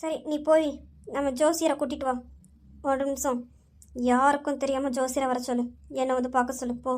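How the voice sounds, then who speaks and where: A woman's voice: high voice, flat delivery, brisk, natural voice. A woman voicing a domineering old grandmother who hands out commands and looks down on her servant. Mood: imperious. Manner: commanding, dismissive orders. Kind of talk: Tamil audio drama.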